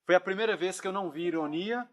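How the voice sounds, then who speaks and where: A man earnestly retelling a dream in casual storytelling, often dropping his voice to a hush. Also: high voice, quick pace. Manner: earnest, drops to hushed tones when reliving tense moments. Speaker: dream narrator.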